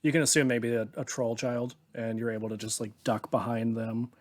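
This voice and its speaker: A man running a tabletop game as game master, narrating scenes in a relaxed, descriptive way and chuckling often. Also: mid-range voice, a little fast.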